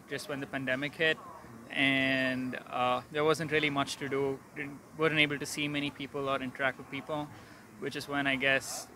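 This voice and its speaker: A man's voice: medium pitch, bright, forceful tone, a little hiss or hum, rough recording. A young man in his twenties answering a street interview tentatively, hedging with "I guess.". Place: outdoor city street.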